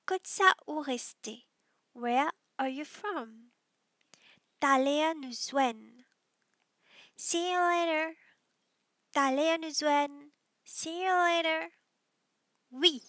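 A woman with a Mauritian accent teaching vocabulary as a scripted drill, saying each word deliberately and repeating it. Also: sits high, a bit bright, dry recording, studio quality. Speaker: language teacher.

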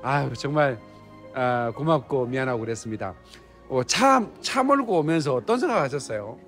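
Man, fifties, mid-range pitch, pastor interviewer, conversational, soft music in background. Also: expressive, normal speed. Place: indoor hotel lobby lounge. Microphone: handheld phone.

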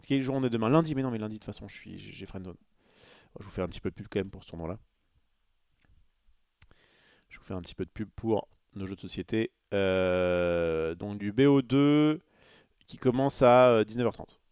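A man's voice: lowish voice, fairly quick, a little mellow, smooth, dry recording, clean studio sound. A man chatting casually on a live stream, rambling with many fillers and restarts and answering his chat.

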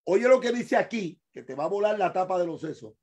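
A man preaching and teaching a Bible study to his congregation in Spanish. He repeats key words, quizzes his listeners and swings between hushed asides and shouted emphasis. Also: high-pitched, animated, brisk. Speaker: pastor. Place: church hall.

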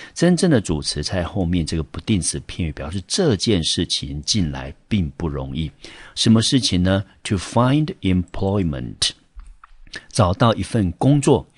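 A man's voice: sits low, breathy edge, no room sound. A man teaching English vocabulary in Taiwanese-accented Mandarin, explaining example sentences patiently with frequent fillers.

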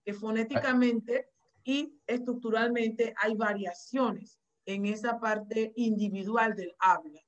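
A woman teaching a dialect class online, with a fairly high voice. She explains each phrase carefully and corrects her students as she goes. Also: steady tone, slow, dull audio.

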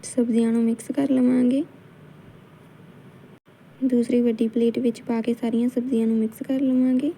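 Speaking with a Punjabi accent, a woman hosting a cooking channel guides viewers through a home recipe calmly, one step at a time, at normal speed with long pauses. Her voice is very dark and mellow, a little high, and delivered flatly and evenly, over a faint hiss in a low-quality recording.

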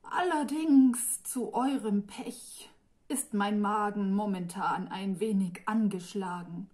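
A woman's voice: mid-range voice, slow, a little mellow, lightly acted. A woman reading the part of an arrogant male devil with three tongues, smug and patronizing.

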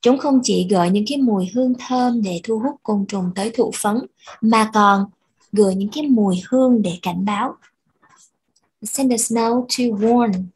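Woman teacher, slow and patient, breathy voice, repeats words to drill pronunciation. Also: medium pitch, darkish tone, rough recording. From Vietnam. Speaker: English teacher. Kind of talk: bilingual language lesson.

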